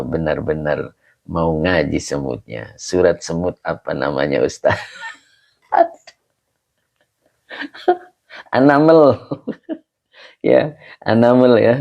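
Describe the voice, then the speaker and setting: A middle-aged man, an Islamic preacher casually chatting through viewer comments on a livestream with chuckles and drawn-out exclamations. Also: on the low side, creaky, dark tone. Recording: slightly dull lo-fi livestream audio.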